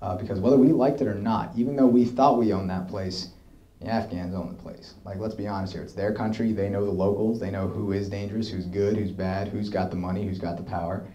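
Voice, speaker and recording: A young man in his twenties with a mellow, warm voice tells stories from his army service to an audience. He talks lively and casually, and acts out the lines of the people he quotes. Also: fairly low pitch, a little fast, lo-fi sound. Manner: lively anecdotal storytelling, acts out quoted dialogue. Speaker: army officer giving a talk. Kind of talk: storytelling talk to an audience. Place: hall with audience, showing slides.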